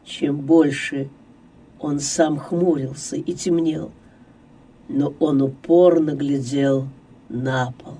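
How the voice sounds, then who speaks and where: A narrator giving a slow, expressive reading of a classic novel. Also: mid-range voice, breathy edge, distant mic.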